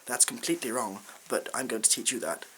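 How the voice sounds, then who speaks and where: A man playing a bumbling, self-important supply science teacher in an ASMR role-play, hesitant and rambling, with deadpan asides. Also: mid-range voice, fast, close to an everyday voice, rough recording. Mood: flustered stalling. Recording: hissy background noise.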